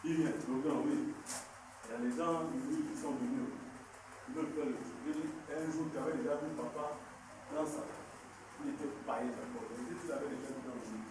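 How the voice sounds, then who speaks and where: A man's voice: on the high side, moderate pace. Preaching man in an echoey church. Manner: shouts scripture back in call-and-response. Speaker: pastor. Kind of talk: preaching sermon with storytelling. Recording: echoey hall, distant mic, background noise.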